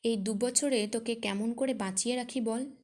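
A woman voicing a poor older farmer who speaks softly and tenderly in sorrow. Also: fairly high pitch, fairly even intonation, moderate pace, close to an everyday voice. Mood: grieving. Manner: soft, tender, grieving.

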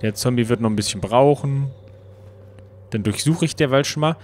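A man casually commenting on his own gameplay, playful and excitable, talking back to the game. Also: medium pitch, moderate pace, slight background noise. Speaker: Let's Play commentator.

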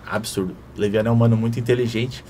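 A man hosting a music reaction video, talking casually and excitedly in heavy slang. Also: on the low side, quick pace, slight background noise. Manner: excited, slangy, keeps saying "mano". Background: hip hop track playing faintly.

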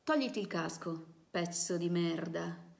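A furious, defiant workman bellows insults in a loud, confrontational storybook reading, as a woman reader puts him on. His voice has a gravelly edge, and his outbursts sound raw and aggressive. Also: on the high side, a little slow. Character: furious male worker, rough and defiant.

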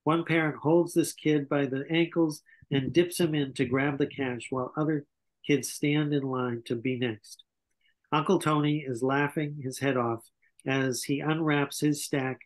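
The narrator is a man in his sixties, reading the scripted stage directions aloud for an online table read from a small room in his home. His medium-pitched voice comes through a computer video-call mic with poor audio.

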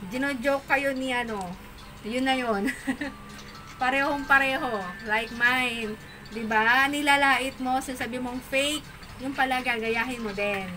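A woman chatting casually on a live-stream while selling stones and amulets, animated and mocking. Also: a little high. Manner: animated and mocking, with frequent laughter. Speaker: online seller of stones and amulets. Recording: noisy background.

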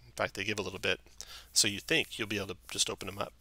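A man's voice: lowish voice, level tone, rapid-fire, sharp tone, no echo. A man narrating a tabletop game as game master, describing scenes and sometimes correcting himself.

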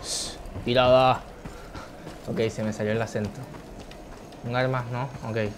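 A man's voice: lowish voice, level tone, normal speed, noisy background. A man giving chatty gameplay commentary as a streamer, thinking aloud. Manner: chatty, thinks aloud, shouts when surprised. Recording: game gunfire behind voice.

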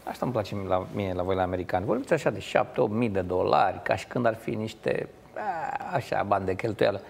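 Gravelly low-voiced male host. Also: animated. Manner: casual, teasing questions. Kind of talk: interviewing a guest.

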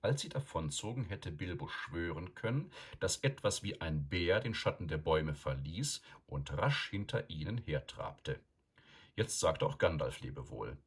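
A man narrating an audiobook in a calm, measured storytelling manner. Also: low-pitched, slightly rough.

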